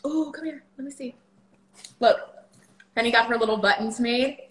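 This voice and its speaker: In her home kitchen, a woman in her thirties livestreams casually, answering viewer questions and using lots of fillers. Her voice is a little high and her pace moderate, with a reverberant sound captured by a phone camera at the table.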